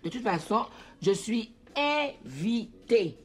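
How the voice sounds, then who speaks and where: An actress with an Antillean French accent playing a sharp-tongued woman in a film scene. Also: fairly high pitch, big pitch swings, takes it slowly, heavy background noise. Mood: retorting.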